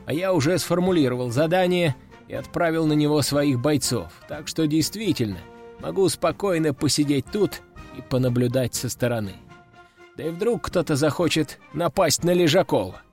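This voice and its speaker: A man's voice: a little high, lively intonation, moderate pace, a little mellow, soft background music. A man narrating a first-person audiobook in a wry, ironic tone.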